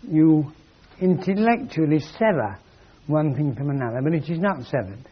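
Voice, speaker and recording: A man's voice: a little high, lively intonation, normal speed, husky. A man giving a philosophical lecture in a wry, emphatic way, on a dull lo-fi recording. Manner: wry, emphatic, acts out quoted voices.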